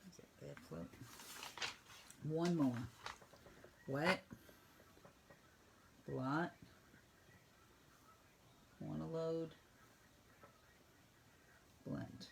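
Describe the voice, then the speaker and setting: Brisk woman teaching a painting class. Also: low voice, steady tone, creaky, darkish tone, a little hiss or hum, low-quality recording. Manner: brisk, instructive, teasing. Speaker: painting instructor. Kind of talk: step-by-step painting lesson.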